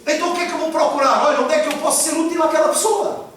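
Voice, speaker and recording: A man's voice: extremely high pitch, fairly even intonation, rapid-fire, fairly bright tone, slight background noise. A male pastor preaching a sermon, emphatic and asking the congregation questions. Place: church hall. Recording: echoey hall, mic far off.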